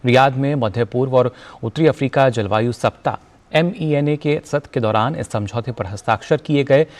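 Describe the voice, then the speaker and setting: A man reading the news as anchor in a formal, measured delivery. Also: medium pitch, a little mellow.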